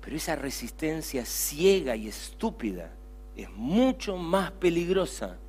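A middle-aged man with an Argentine accent preaching a sermon as pastor, swinging between loud emphatic lines and hushed, quiet asides. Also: on the high side, sing-song, a little slow, slightly rough.

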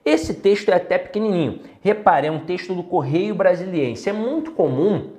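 Lively Brazilian man teaching in an echoey room. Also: on the high side. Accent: Brazilian Portuguese. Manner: lively, talks straight to students with rhetorical questions. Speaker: Portuguese teacher for exam prep. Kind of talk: exam-prep video lesson.

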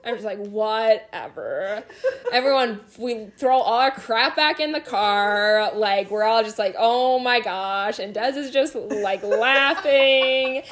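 A woman's voice: on the high side, measured pace, few pauses. A young adult woman co-hosting a podcast, telling a story in casual chat and acting out the voices of the people in it. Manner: animated, acts out voices in stories. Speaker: podcast co-host.

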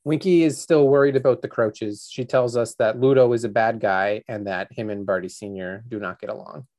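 A man's voice: medium pitch, fairly even intonation, normal speed, darkish tone. A man co-hosting a podcast, chatting casually through a book chapter with lots of "like" and "um". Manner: chatty, filler-heavy recap. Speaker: podcast co-host.

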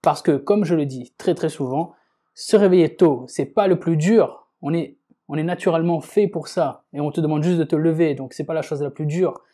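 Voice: medium pitch, normal speed, dark tone, slightly rough. A podcast host giving an informal self-help talk, speaking straight to the listener and repeating words for emphasis.

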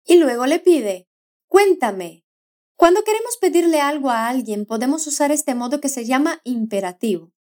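A high-pitched woman leads a scripted pronunciation lesson. She slows down to model each phrase carefully and cheers the learner on between repetitions. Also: lively intonation, a little mellow. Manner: slow, carefully modelled repetitions with encouraging prompts. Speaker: Spanish pronunciation teacher. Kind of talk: scripted language lesson narration.

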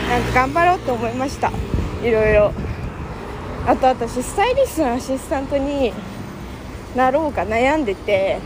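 A young woman gushing in a casual, filler-heavy monologue. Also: a little high. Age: young adult. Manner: chatty, gushing, lots of fillers. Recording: noisy background with passing vehicles.

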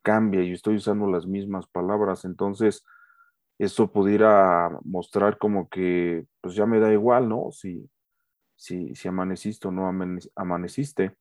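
A middle-aged man teaching a casual lesson, often pausing with fillers and restarts and checking that listeners agree. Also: deep voice, fairly even intonation, darkish tone, no echo. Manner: talks with many fillers and restarts, asks for agreement. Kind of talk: casual lecture.

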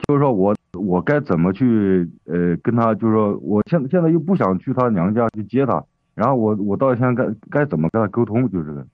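Low-voiced man on a tinny phone line. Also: expressive, quick pace, no room sound. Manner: hesitant, rambling with many fillers and restarts. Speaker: caller. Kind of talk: phoning in to a radio advice show.

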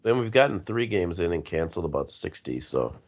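A middle-aged man co-hosting a sports radio chat, hoarse from being sick, rambling and joking. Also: deep voice, big pitch swings, a little fast. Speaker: co-host. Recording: muffled lo-fi audio.

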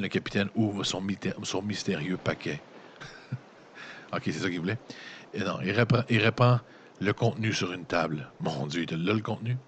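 A man with a Quebec French accent and a very deep, low voice reads an adventure gamebook aloud. He keeps stopping to toss in loose, slangy jokes to his listeners before picking the narration back up. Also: a little hiss or hum. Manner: breaks off narration with joking, slangy asides. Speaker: gamebook reader and player. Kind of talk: reading a gamebook aloud with casual commentary.

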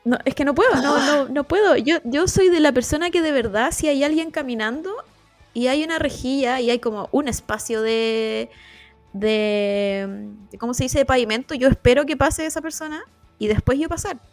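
A woman's voice: sits high, normal speed, dry recording, soft background music. A young woman with a Chilean accent, chatting casually as a podcast co-host, telling rambling stories with lots of laughing. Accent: Chilean Spanish. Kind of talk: casual chat.

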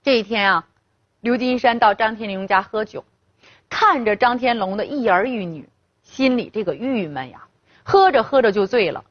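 A woman telling a scripted story with expressive, colloquial flair. Her husky voice rises and falls a great deal, and the recording sounds dull and dry. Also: a little high, no echo.

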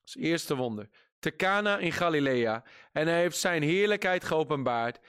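A man preaching a sermon in a lively, emphatic way, reading scripture aloud and laughing often at his own jokes. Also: on the high side, moderate pace, clean tone.

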